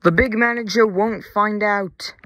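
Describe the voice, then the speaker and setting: A man voicing a loud, exasperated male train driver who shouts at his engine. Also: sits high, lively intonation, unhurried, voice pushed up, full character voice.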